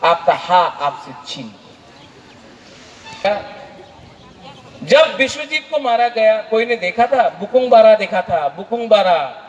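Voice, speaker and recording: A man's voice: high voice, sing-song, takes it slowly, pauses often, dull audio. A man giving a fired-up rally speech, repeating phrases and firing off rhetorical questions. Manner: impassioned, repetitive, rhetorical questions. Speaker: political leader addressing a rally.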